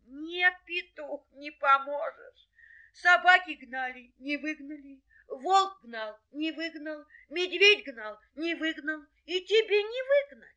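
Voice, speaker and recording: A pitiful little hare boy sobs out his story in a high, tearful, whimpering voice, as a woman storyteller puts him on. His pitch jumps far above her own, and his words come in a wailing sing-song. A storybook figure, small and helpless. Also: lively intonation, slow, sharp tone, full character voice. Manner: repeats his lament in a crying sing-song.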